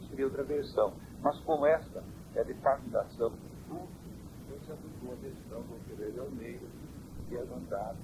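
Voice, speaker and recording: Man, church elder, measured preaching answers, old cassette with heavy hiss, mid-range pitch. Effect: old worn cassette tape. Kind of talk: interview answers. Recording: hissy worn cassette tape.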